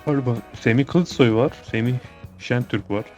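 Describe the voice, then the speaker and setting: A man's voice: mid-range voice, moderate pace, a little mellow, faint music behind. A man in casual chat with friends during an online game.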